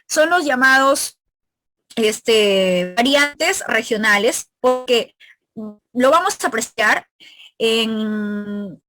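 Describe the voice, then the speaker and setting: A woman's voice: on the high side, animated, very slow. Peruvian teacher woman giving a review lecture. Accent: Peruvian Spanish, northern coast. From Peru. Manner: explanatory, checks in with "¿sí?" and "¿no?", addresses students as chicos. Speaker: pre-university language teacher.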